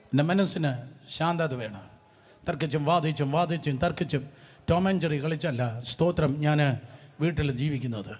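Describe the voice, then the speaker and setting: A middle-aged man from Kerala preaching a sermon emphatically, leading the congregation in call-and-response and mixing in English words. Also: on the high side. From Kerala, India. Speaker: pastor.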